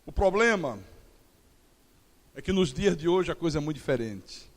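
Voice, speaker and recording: A man's voice: a little high, animated, moderate pace, big-room sound. A middle-aged male pastor preaching a sermon, telling stories with acted-out dialogue and humor. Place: church.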